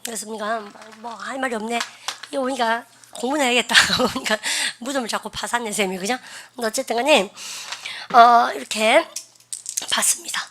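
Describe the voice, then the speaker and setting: A bright, forceful woman teaches an English grammar class. She talks in a chatty way, asks her students questions, and has them repeat phrases aloud. Her voice sits a little high. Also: a little fast. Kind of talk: classroom lecture.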